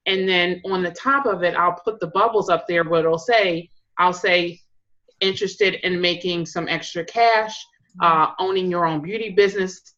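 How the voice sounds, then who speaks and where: A woman's voice: on the low side, steady tone, moderate pace, a bit bright, lo-fi sound. A woman in direct sales casually sharing tips on a group call, rambling with lots of fillers.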